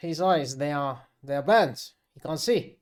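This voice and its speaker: Higher-voiced man playing a tabletop game. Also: animated, unhurried. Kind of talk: casual game chat. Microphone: video call.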